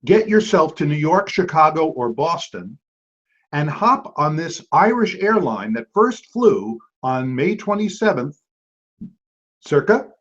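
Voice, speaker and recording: Lively man hosting a trivia game. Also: on the high side, a little slow. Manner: lively, playful, jokey asides. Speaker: trivia quiz host. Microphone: video call. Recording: dull lo-fi video call audio.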